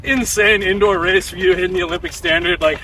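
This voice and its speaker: Male host, high bright voice, slangy casual questions delivered while running, slightly distant outdoor sound. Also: fast talker. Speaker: podcast host, interviewer. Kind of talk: casual interview chat. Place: outdoors on a run. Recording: distant mic, outdoor ambient noise.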